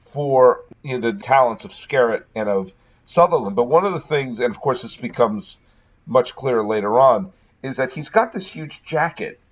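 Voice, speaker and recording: A man's voice: mid-range voice, lively intonation, normal speed, dull audio. Rambling man with Northeastern accent. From New England. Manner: enthusiastic, rambling, many restarts. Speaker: podcast co-host. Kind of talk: casual film discussion.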